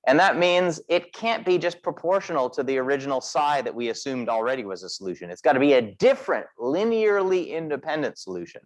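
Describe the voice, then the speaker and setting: A man's voice: fairly high pitch, lively intonation, fairly quick, hardly any pauses. A man teaching a physics class, explaining step by step and asking the class questions as he goes. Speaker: physics instructor. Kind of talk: lecturing in a class meeting. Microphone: recorded class session.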